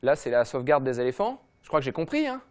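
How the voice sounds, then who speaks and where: A man hosting a comedy football show, ranting in a mocking, slangy, rapid-fire way. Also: medium pitch, sing-song, darkish tone. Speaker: comedy football podcast host. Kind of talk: fast comic rant.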